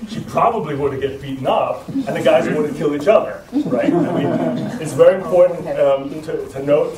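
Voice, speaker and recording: A man's voice: mid-range voice, a little mellow, slight background noise. A man teaching a voice class to a live group, explaining step by step and often restarting his sentences. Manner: explanatory, with frequent restarts and checking "right?". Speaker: voice trainer. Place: lecture room with audience. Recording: echoey room recorded from a distance.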